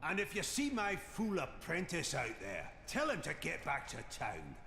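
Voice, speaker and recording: An actor playing a gruff, grieving male village blacksmith in a video game. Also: a little high, huge pitch swings, normal speed, pushed and bright, roomy sound, slight background noise, full character voice. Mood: grateful.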